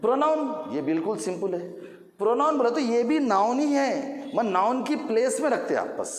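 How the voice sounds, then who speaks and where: A man with a Hyderabadi Hindi accent teaching English grammar to students in a classroom, speaking slowly and repeating key points, calling his students children. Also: very high-pitched, big pitch swings. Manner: slow, repetitive, addresses students as children. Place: classroom with blackboard. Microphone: microphone. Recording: echoey room with long reverb.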